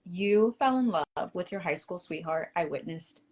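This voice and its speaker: A woman's voice: fairly low pitch, animated, normal speed, darkish tone. A talkative woman in her forties from Miami hosts a casual podcast interview. She asks long, leading questions in a familiar, friendly way. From Miami, United States. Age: 40s. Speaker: podcast host.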